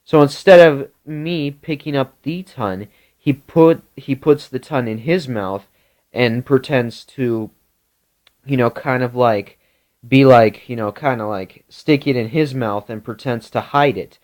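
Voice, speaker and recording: A man's voice: mid-range voice, a little slow, darkish tone. A man telling a meandering improvised story, full of restarts and filler words.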